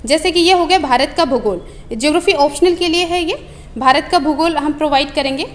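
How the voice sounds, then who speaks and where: A woman's voice: high-pitched, a little fast. A woman from a coaching institute walking through study notes one booklet at a time, repeating phrases with frequent hesitations. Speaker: coaching institute staff member. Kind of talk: explaining and listing study material.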